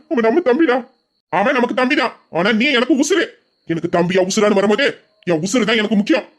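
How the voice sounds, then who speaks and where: A fiercely loyal young man who will protect his friend at any cost, as a man acts him out in an audio drama. His voice sits high for a man, and he makes firm, forceful vows. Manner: forceful, vowing.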